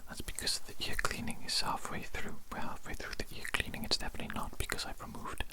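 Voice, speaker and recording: A woman doing a whispered role-play of ASMR ear cleaning, breathy and very close to the mic, playfully teasing and mock-dramatic as she repeats her phrases. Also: fast. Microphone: very close to a sensitive microphone.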